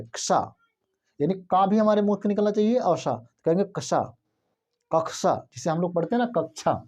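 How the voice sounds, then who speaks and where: A man's voice: on the high side, a little mellow. A male Hindi teacher giving an explanatory lesson, repeating his points and asking himself rhetorical questions.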